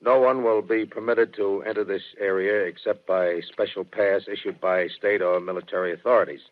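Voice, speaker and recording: An actor playing a stern militia general giving an official statement in 1930s radio drama, stiff, deliberate and slightly halting. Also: male voice, deep voice, steady tone, close to an everyday voice. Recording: thin phone-like vintage radio sound.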